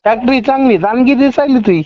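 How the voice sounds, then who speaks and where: A man's voice: very high-pitched, fast, dry recording. Teasing Marathwada man over the phone. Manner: teasing, insistent. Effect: heard over the phone. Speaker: prank call recipient, shopkeeper. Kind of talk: casual flirtatious phone chat over the phone. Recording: dull lo-fi phone call.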